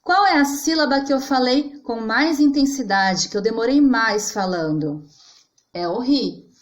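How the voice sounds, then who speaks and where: A woman's voice: fairly high pitch, expressive, a little slow. Patient woman teacher in an echoey room. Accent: Brazilian Portuguese. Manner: patient, stretches and stresses example words aloud. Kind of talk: children's grammar lesson.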